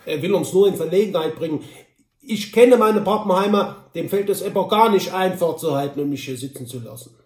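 A man's voice: sits high, brisk, a little mellow, echoey room, recorded from a distance, voice pushed up, natural voice. A man voicing a jovial, teasing, stout frontiersman with an Altenburg accent, hearty and coaxing. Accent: Altenburg dialect.

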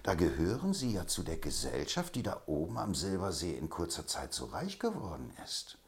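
A man reads out a storybook swindler with a deep voice that leaps around as he frets. He schemes and curses in short, urgent bursts, always on edge. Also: wildly swooping pitch, moderate pace, exaggerated voice. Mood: agitated. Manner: agitated, exclaiming. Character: scheming male swindler, middle-aged, excitable.

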